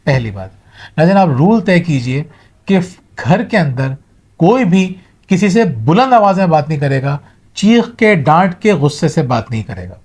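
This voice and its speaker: A man's voice: on the high side, very animated, a little mellow, husky. A middle-aged man giving a motivational talk to viewers, earnest and advising, mixing in English words. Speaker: motivational speaker.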